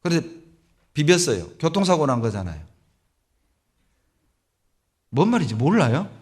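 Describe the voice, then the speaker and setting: A middle-aged male pastor preaching a sermon in a church, telling Bible stories with animated delivery. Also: fairly high pitch, moderate pace. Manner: animated storytelling, acts out biblical voices. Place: church sanctuary.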